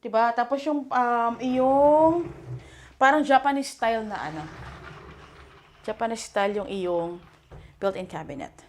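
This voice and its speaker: A woman's voice: on the high side, unhurried, long pauses, slight background noise. A young Filipino woman leading a chatty, enthusiastic house tour, mixing English and Tagalog. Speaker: real estate agent giving a house tour. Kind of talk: casual walkthrough tour.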